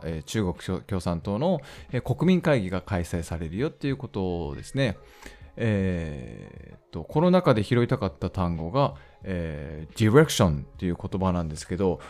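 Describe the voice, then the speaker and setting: A man from Japan hosting a solo podcast, thinking aloud with frequent hesitant fillers as he slowly reads and explains English news lines. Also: sits low, a little mellow. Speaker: podcast host.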